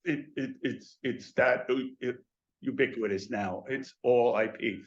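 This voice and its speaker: An older man, an educator in the intercom industry, presents on theater intercoms in a webinar. He has a medium-pitched voice and a measured pace, speaking in loose runs with many restarts and fillers, and the audio is dull.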